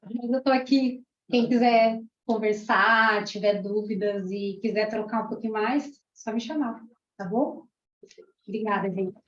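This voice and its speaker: A woman's voice: mid-range voice, unhurried. A woman from Argentina, a parapsychologist and teacher in her thirties, giving an emotional, chatty testimonial to a class. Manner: warm, emotional, chatty, many "né"s. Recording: roomy, dull lo-fi room sound.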